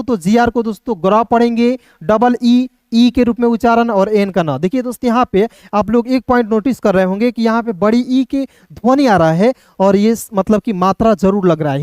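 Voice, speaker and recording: A male teacher giving a pronunciation lesson, spelling out words slowly and checking often that students follow. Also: very high voice, darkish tone, no room sound. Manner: repeats words slowly, often says "dosto" and "clear hai". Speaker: English teacher.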